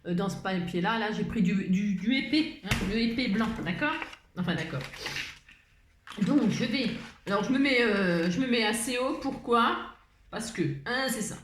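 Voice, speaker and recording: A woman's voice: mid-range voice, normal speed. A woman hosting a casual crafting tutorial. She rambles, often changes her mind mid-sentence, and chuckles a lot as she talks. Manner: chuckles often while talking. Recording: roomy echo, faint background noise.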